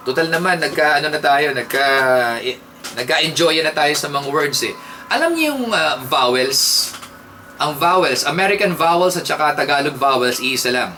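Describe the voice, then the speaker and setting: A young Filipino man hosts a playful radio trivia segment in an animated, sing-song delivery, mixing English into his Tagalog. His voice is bright and a touch high for a man. He sits a little back from the studio mic, and a faint hiss runs under him. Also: moderate pace, recorded from a distance.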